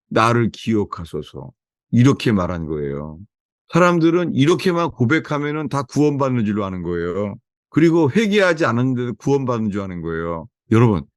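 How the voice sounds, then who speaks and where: A man's voice: medium pitch, no room sound, studio quality. A man preaching a sermon as pastor to a small house-church gathering, emphatic and asking the listeners rhetorical questions.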